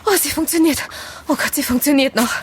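A woman's voice: high-pitched, fairly quick, lightly acted. A woman voicing a terrified young woman in an audio drama, panicky and tearful, repeating herself, on a noisy recording. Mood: panicked.

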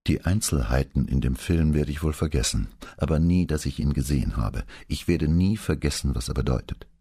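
Man playing a weary, gentle police commissioner. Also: rumbling low, animated, fairly quick, husky, exaggerated voice. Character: weary middle-aged male police commissioner.

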